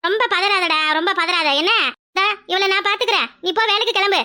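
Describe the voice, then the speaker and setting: Lady doing a nagging old granny in a cartoon, high and fast, sharp tongue. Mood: scolding. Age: older. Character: bossy scolding village grandmother. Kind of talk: cartoon voice acting.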